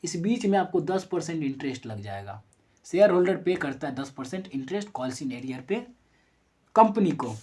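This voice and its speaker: A very animated commerce teacher, mid-range in pitch with a mellow, husky sound, speaks at a moderate pace in a recorded lesson. The explanation proceeds step by step with worked numerical examples. Talking directly to students, the teacher answers their own questions and revises sentences mid-flow.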